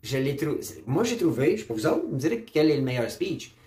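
A man's voice: fairly high pitch, very animated, fairly quick, darkish tone. Blunt Quebec French man in a roomy echo. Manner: blunt, emphatic, repeats catchphrases, slangy with English words. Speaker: political commentator. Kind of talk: casual opinion monologue to camera.

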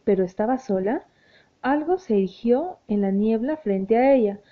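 A woman narrating an audiobook in a measured, expressive reading voice. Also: fairly high pitch. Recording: tinny phone-like sound.

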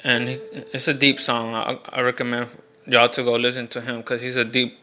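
A man's voice: mid-range voice, flat delivery, moderate pace, bright, forceful tone, a little hiss or hum. A young man telling stories in a casual, rambling monologue, with lots of fillers and restarts. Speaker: vlogger.

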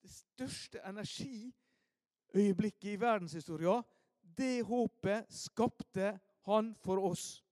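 Preacher, male, high-pitched, animated storyteller swinging from loud emphasis to quiet asides. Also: no echo, studio quality. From Norway, Ålesund. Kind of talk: storytelling sermon.

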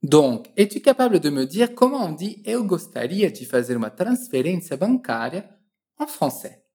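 A woman teaching a French lesson, encouraging the listener and drilling phrases slowly and precisely for them to repeat. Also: deep voice, big pitch swings, mellow.

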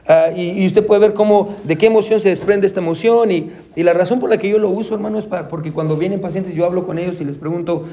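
A man's voice: high-pitched, fairly even intonation, fast talker, hardly any pauses, mellow. A man teaching a Sunday school lesson as a counselor, calling listeners brother and saying amen often, with English terms mixed in. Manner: addresses listeners as brother, frequent amens; acts out quoted voices, mixes in English terms.

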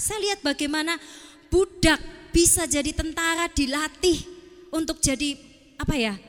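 High bright woman preaching in a hall. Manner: animated, acts out story characters, calls for amen. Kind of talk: sermon. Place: church hall. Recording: long reverb of a large hall.

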